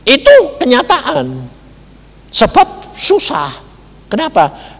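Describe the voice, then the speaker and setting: A man's voice: a little high, fairly bright tone, big-room sound. A male pastor preaching a sermon in a colloquial, folksy manner, his voice swinging dramatically up and down.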